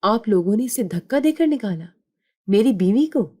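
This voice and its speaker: A protective young husband confronts his family with firm, bitter indignation, as a woman narrator voices him. The voice stays mellow and close to her own pitch. He speaks with cold authority. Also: lively intonation, natural voice. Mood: indignant.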